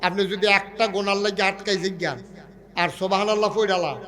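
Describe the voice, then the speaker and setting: A high-pitched man preaches to a crowd, breaking into sing-song chanting. He keeps firing questions at his listeners and teases them between lines. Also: fairly even intonation, fairly quick, bright, forceful tone. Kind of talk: humorous sermon to a crowd.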